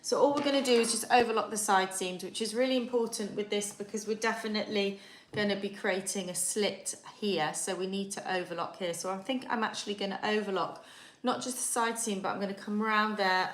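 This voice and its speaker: A woman's voice: mid-range voice, a little fast. A woman with a Yorkshire accent hosting a live sewing tutorial from her kitchen, chatting and thinking aloud as she works. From Yorkshire, England. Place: home kitchen. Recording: echoey kitchen with background noise.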